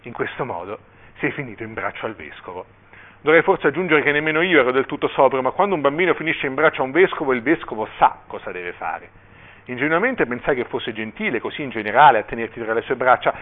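Un uomo che legge ad alta voce un brano di romanzo con espressività, con qualche breve commento. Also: male voice, mid-range voice, quick pace. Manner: expressive reading with brief asides. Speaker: reader at a cultural event. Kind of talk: reading a novel excerpt aloud. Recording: tinny phone-like line.

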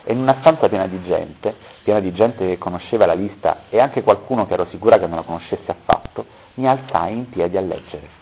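Husky low-voiced man reading a story. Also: a little fast, hardly any pauses. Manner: reads steadily, stopping to correct his own misreadings. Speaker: reader at a public talk. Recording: tinny phone-like recording.

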